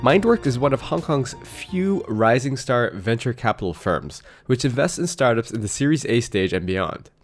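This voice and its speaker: A man's voice: mid-range voice, lively intonation, moderate pace, hardly any pauses, faint music behind. A man hosting a business interview podcast, reading a polished intro and then asking questions with frequent restarts and fillers. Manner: hesitant, restarts words when ad-libbing. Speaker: podcast host.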